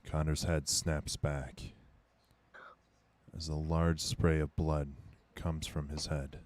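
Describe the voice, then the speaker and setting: A man's voice: very deep voice, level tone, takes it slowly, darkish tone. A man running a tabletop game as game master, narrating a violent scene in grim, dramatic tones. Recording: faint background music.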